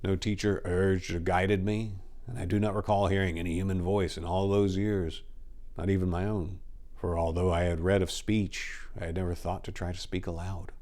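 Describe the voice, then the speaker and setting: Casting: male reader as lonely haunted Gothic storyteller, low-pitched voice, hammy stage-actor theatrics, grave and emphatic horror narration. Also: little pitch movement, a little mellow, natural voice. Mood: brooding, yearning. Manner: hammy stage-actor delivery, grave, with drawn-out emphatic words and swelling volume. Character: lonely, haunted man recounting his dark Gothic ordeal.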